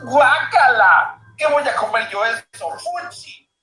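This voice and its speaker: A man voicing a cruel, spoiled little girl who has become a queen, talking in a shrill, demanding, whiny way. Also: moderate pace, sharp tone. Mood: disgusted. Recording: roomy echo with music bed.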